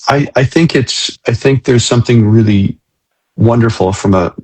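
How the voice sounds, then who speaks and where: An interview host speaks reflectively and hesitantly in a conversational interview, repeating words while he searches for the right phrasing. His voice is medium-pitched with a darkish tone, at a normal speed.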